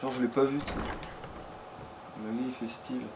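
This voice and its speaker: Speaking fairly quickly in a level, mid-range voice, a let's player offers casual, profane commentary and keeps muttering to himself as he plays. The recording has a clearly noisy background.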